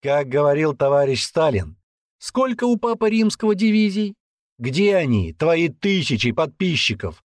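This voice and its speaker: A man's voice: fairly high pitch, big pitch swings, moderate pace, dry recording, studio quality, voice pushed up. A man voicing a sardonic older male comrade who mocks in a sneering tone. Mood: mocking. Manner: sneering mockery.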